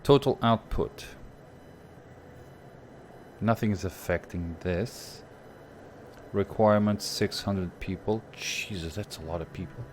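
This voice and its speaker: Slowly and with frequent pauses, a young Portuguese man voices his thoughts on a strategy game he is streaming, chatting with viewers in a Portuguese accent. His deep voice has a darkish tone, and a little hiss or hum can be heard.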